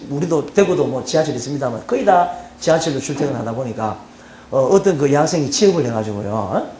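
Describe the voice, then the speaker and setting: Lecturing playfully to university students, a middle-aged man with a Gyeongsang accent, from that region of South Korea, speaks at a fairly high pitch with a darkish tone. He's talkative and teasing, peppering the class with "예?" and "어?" checks. Faint background noise fills the roomy hall.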